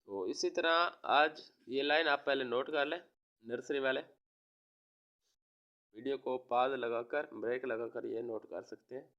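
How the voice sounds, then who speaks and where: A man from Pakistan, a teacher giving a recorded lesson to young children, slowly spelling out words and repeating them. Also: medium pitch, dull audio. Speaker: online school teacher.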